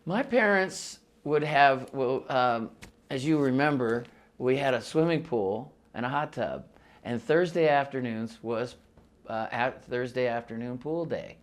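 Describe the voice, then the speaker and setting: A man in his sixties spins loose, rambling stories in a casual interview, with a voice of ordinary pitch. He grew up between the US and Mexico, laughs easily and often circles back to restart his sentences. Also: measured pace. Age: 60s. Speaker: musician interviewee. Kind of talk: casual oral-history storytelling.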